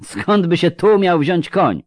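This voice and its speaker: A man voicing a sarcastic, sceptical young man in a read-aloud story, speaking louder and higher. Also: sing-song, normal speed, no room sound, clean studio sound.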